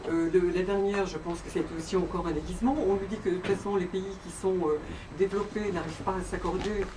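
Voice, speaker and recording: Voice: mid-range voice, fairly even intonation, fast talker. An audience member at a conference speaking without a microphone, rambling with many fillers. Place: conference room. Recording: distant voice with background noise.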